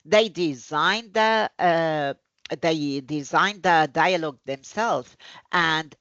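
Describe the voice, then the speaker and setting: A woman who teaches Arabic presents classroom tips in a webinar, telling stories earnestly with animated hesitations. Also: sits low, creaky, no echo, lo-fi sound.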